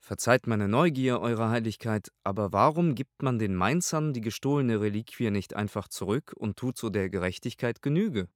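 A courteous, quietly ironic court architect, as a male reader puts him on. He speaks in an everyday male voice with a lively, varied melody. The sound is close and dry, as in a spoken audiobook. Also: lowish voice, moderate pace, few pauses, no room sound, lightly acted. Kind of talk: audiobook character voice.

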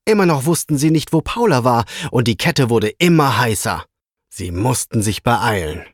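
Lively male children's story reader. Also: medium pitch, normal speed, no echo, clean studio sound. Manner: lively expressive reading.

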